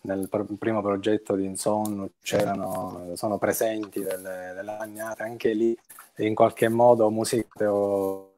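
A middle-aged man with a Sicilian accent, explaining things in a halting, conversational way on a video call. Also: on the low side, flat delivery, mellow. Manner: halting, searching for words. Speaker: guest on a live show. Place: room at home.

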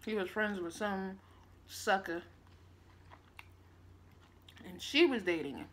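A woman in her twenties chatting casually with her mouth full while eating, in a relaxed, rambling way. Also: mid-range voice, slow, slight background noise. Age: 20s. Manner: relaxed, rambling and laughing often. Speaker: mukbang vlogger.

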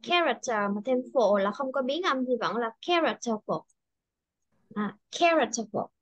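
A woman with a fairly high, animated voice teaches English pronunciation in an online video-call class, patiently modeling each word slowly and clearly. The recording has no echo but sounds muffled.

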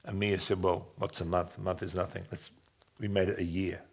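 A man's voice: brisk, gravelly, breathy edge. Older male pastor, conversational sermon. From Australia. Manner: conversational, animated gestures, drops low for emphasis. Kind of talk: seated sermon with personal story. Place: dim church stage, indoors. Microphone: headset.

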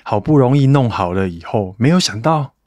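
A man's voice: mid-range voice, animated, brisk, darkish tone, no echo. A man from Taiwan hosting a casual solo podcast, chatty and self-mocking as he talks to listeners and thanks donors. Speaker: podcast host.

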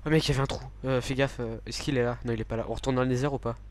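A man chatting casually while playing a game with a friend, laid-back and halting, often pausing on fillers. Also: medium pitch, fairly even intonation. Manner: hesitant, many fillers and restarts, laid-back. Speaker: gamer, server owner. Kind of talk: casual gameplay commentary.

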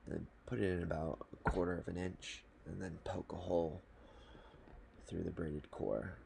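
A man gives calm, matter-of-fact, step-by-step instructions for tying a fishing knot, unhurried in his pace, while sitting at a desk in a small indoor room. He hosts fly fishing tutorials and has a low, gravelly voice. There is slight background noise.

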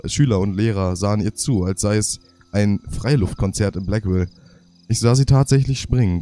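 A young man with a congested, half-blocked nose from a cold stumbles his way through game diary pages for his let's play, correcting himself along the way. He has a lowish, dark voice.

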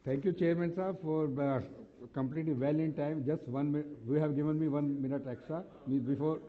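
A man's voice: a little high, fairly even intonation, brisk, phone-quality sound. A man with a North Indian accent making formal conference announcements in a polite, hesitant way, repeating phrases as he goes. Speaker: convention session host. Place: large indoor hotel conference hall.

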